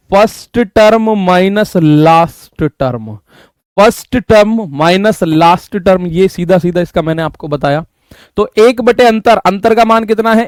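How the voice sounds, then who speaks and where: A man with a high, light voice teaches maths live, talking his students through each step and calling on them by name. The sound is dry and close, with no room echo. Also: darkish tone, clear, resonant tone. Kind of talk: live online class teaching.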